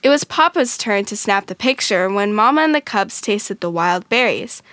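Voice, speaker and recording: Expressive woman narrating a children's storybook. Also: medium pitch, normal speed, no echo, clean studio sound.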